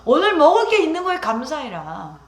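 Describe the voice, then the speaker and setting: Woman pastor preaching a sunday sermon, high voice, keeps firing questions at the congregation. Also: huge pitch swings, normal speed. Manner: emphatic, rising exclamations with rhetorical questions to the congregation. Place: church sanctuary. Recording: echoey church hall.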